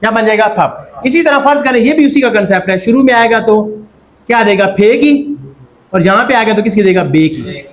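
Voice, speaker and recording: Man, Pakistani accent, high-pitched voice, classroom lecture, asks questions and repeats the answers. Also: fairly quick, slight background noise. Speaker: Korean language teacher.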